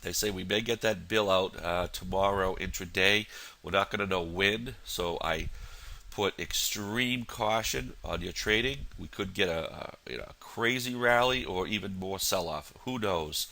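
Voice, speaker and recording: Low-voiced man with a stuffy nose. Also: normal speed, creaky, bright, forceful tone. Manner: rambling, many fillers and restarts. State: has a cold, nasal voice. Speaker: futures trader. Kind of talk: casual market analysis walkthrough.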